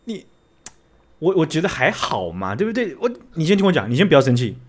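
A man co-hosting a casual podcast, telling stories in an animated, teasing way. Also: fairly high pitch, quick pace. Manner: animated, teasing storyteller who acts out scenes. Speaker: podcast co-host. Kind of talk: casual chat.

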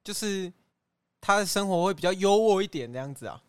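A man, a guest on a comedy podcast, answering in a smug, deadpan way. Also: high-pitched, brisk, smooth, no room sound.

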